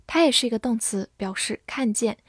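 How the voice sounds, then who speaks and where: A woman teaching English vocabulary in a scripted lesson, spelling each word letter by letter and reading example sentences slowly. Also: on the high side, expressive, slightly rough, no room sound, studio quality.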